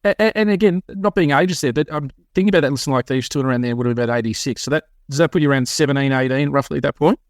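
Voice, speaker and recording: Aussie guy hosting a fan chat, quick talker, dry close sound. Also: medium pitch, no room sound. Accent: Australian. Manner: quick, chatty, prompts guests with questions. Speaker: podcast host.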